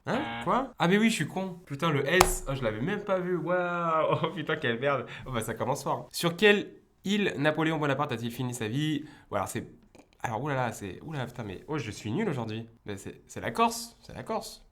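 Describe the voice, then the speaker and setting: A young man talks through a quiz in a casual vlog, his voice hoarse from a cold. He keeps mocking himself, swearing and exclaiming in fluster as he second-guesses his answers. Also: mid-range voice, lively intonation, brisk, a bit bright. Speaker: law teacher and YouTuber.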